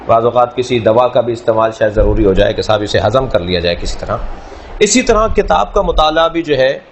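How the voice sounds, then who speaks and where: A man teaching a class, speaking in a measured way, repeating key words and explaining through everyday analogies. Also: medium pitch, lively intonation, muffled recording, a little hiss or hum. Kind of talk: classroom lecture.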